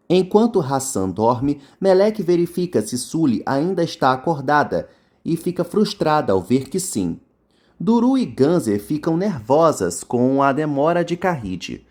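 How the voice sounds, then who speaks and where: With a Brazilian Portuguese accent, a man casually recaps a soap opera episode, tossing in mocking, slangy asides. His voice is medium-pitched and darkish.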